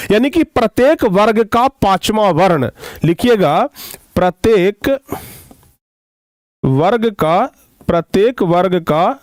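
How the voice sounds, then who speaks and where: High-voiced male teacher drilling pupils. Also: no echo, studio quality. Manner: repeats key terms slowly, calls pupils "dear children". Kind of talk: Hindi grammar lesson to children.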